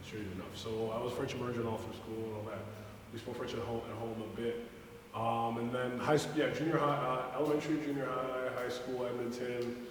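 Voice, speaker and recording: Young male coach, from Nigeria, lively slangy chat, recorded far off in a reverberant room with faint noise. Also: fairly quick. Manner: animated, slangy, swings from excited to low and quiet. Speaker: guest, basketball coach. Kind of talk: casual podcast chat.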